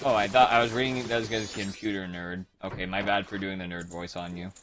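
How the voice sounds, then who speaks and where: A man's voice: sits low, fairly even intonation, a little fast, a bit bright, slight background noise. A man streaming and chatting casually, rambling with many restarts and mocking himself. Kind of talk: casual chat. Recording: background music over the voice.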